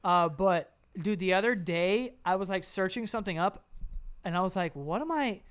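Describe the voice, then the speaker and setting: A man's voice: high voice, normal speed, a bit bright, clear, resonant tone. A man hosting a podcast, joking crudely in casual chat and often trailing off. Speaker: podcast host.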